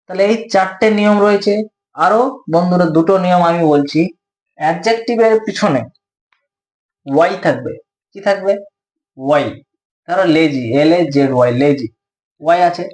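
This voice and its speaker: A man's voice: sits high, normal speed, long pauses, a little mellow. Bengali-accented man teaching grammar, echoey room. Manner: patient, repeats key points, asks and answers his own questions. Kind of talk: explanatory lesson.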